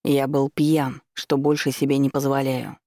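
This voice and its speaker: A man's voice: medium pitch, level tone, unhurried, a little mellow, no room sound, studio quality, lightly acted. Man playing a curt, cold young man. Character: blunt, irritated young man, driving.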